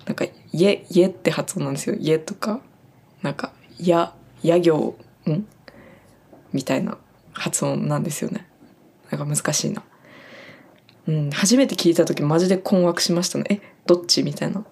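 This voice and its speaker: Chatty woman with a low voice. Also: moderate pace, gravelly, a little mellow, slightly rough. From Japan. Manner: chatty, friendly explaining with many fillers. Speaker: farm worker teaching German words. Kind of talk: casual spoken lesson.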